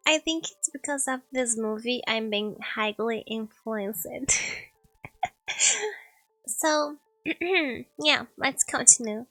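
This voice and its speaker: A higher-pitched woman reading game text aloud on a live stream, taking her time and laughing at her own slips. Her tone is bright with a gravelly fry, heard up close and dry. Soft music plays behind her. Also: dry recording, rough recording. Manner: giggly, trips over words and laughs at herself. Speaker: streamer playing a story game.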